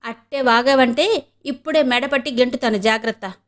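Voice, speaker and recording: A proud young woman with a short temper, scolding in curt, clipped bursts, as a female narrator puts her on. The voice sits a little high, and it is heard in an audiobook reading. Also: moderate pace, a bit bright. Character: sharp-tongued proud young woman of the house.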